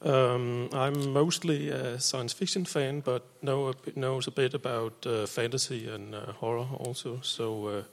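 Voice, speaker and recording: A man speaking on a panel in a modest, halting, self-deprecating way. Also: medium pitch, fairly even intonation, vocal fry. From Denmark. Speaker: panelist, science fiction fan. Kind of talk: panel discussion.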